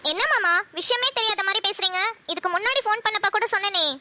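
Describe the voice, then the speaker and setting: A woman's voice: very high-pitched, fast talker, bright, forceful tone, dry recording. A woman voicing a lovesick young woman pleading on the phone in a cartoon. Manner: pleading, insistent. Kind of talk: cartoon voice acting.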